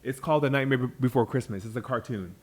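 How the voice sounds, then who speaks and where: A man talking casually as he coaches someone on acting. He fills his talk with fillers and restarts, and his pitch sits in an ordinary middle range. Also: quick pace, darkish tone. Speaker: host teaching acting. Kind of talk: casual chat.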